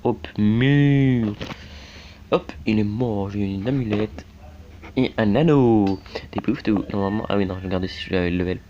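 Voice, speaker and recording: A man from France chats loosely over his mobile game, his voice low and mellow. He wanders between thoughts, padding every phrase with fillers. The sound is dull and lo-fi with a faint hiss behind it. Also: normal speed. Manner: rambling, many fillers and repeated "hein". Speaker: gaming YouTuber. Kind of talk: casual let's-play commentary. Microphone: phone screen recording mic.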